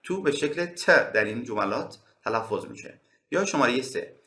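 Male teacher from Iran; bright, clear tone, roomy echo; slow, careful drilling of phrases. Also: medium pitch, lively intonation. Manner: slow, carefully spaced English examples between quick explanations. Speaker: English teacher. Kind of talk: bilingual language lesson.

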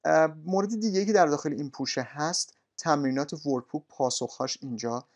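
A male language teacher walking students through course materials in a polite, formal way, often pausing with "uh". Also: on the high side. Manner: polite, formal, with frequent "uh" pauses. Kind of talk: recorded course walkthrough.

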